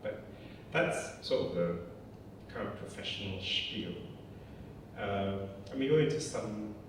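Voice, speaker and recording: Man, 40s, from Malaysia, reflective, candid, fairly low voice, far from the mic, echoey church hall, noisy. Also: lively intonation, measured pace. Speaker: director of a climate communications charity. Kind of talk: personal talk at an evening event. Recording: echoey hall, distant mic, audible noise.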